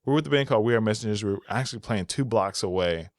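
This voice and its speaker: A man telling a motivational story in a casual, energetic way, acting out the other people's lines with sudden jumps in pitch. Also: fast talker, no echo. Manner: energetic, acts out dialogue with shifting pitch. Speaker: podcast speaker.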